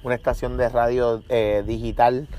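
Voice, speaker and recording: A man's voice: mid-range voice, little pitch movement, normal speed, darkish tone. Chatty male podcast host outdoors. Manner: chatty, playful, slangy. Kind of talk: casual interview chat. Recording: noisy outdoor street recording.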